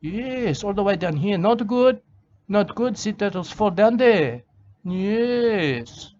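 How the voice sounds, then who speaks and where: Outdoors, a man with an Australian accent rambles through a comic monologue, repetitive and ungrammatical, constantly calling someone "mate." He speaks slowly in a high, slightly mellow voice with lively intonation, captured on a dull lo-fi recording with faint ambience.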